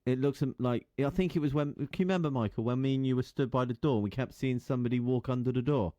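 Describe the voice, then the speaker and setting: A man's voice: mid-range voice, fast, no echo. English male co-host, laid-back and meandering, dry studio sound. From England. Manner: relaxed, trailing, filler-heavy speech. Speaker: podcast co-host. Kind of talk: casual chat.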